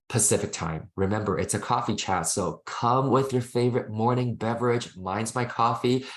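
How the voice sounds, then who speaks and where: A man with a sick voice hosting a solo real estate finance talk, earnest and persuasive, listing points in quick runs. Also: fairly low pitch. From Canada. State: sick, rough voice. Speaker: real estate educator and show host.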